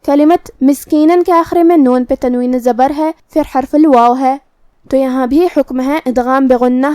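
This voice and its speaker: A woman with an Urdu accent teaching Quran recitation rules, explaining pronunciation in a measured, methodical way. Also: high voice, dark tone, no room sound, studio quality. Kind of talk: tajweed lesson, explaining then reciting.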